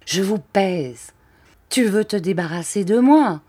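Woman voicing a bitter middle-aged count, shouting, accusing, unhinged. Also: mid-range voice, animated, slow pace, husky. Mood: raging. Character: ranting, paranoid middle-aged male count.

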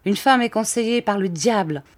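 A woman reading the lines of a ranting, paranoid middle-aged count in a novel, shouting bitter accusations. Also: medium pitch, moderate pace, faint music behind, voice pushed up, natural voice. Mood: raging.

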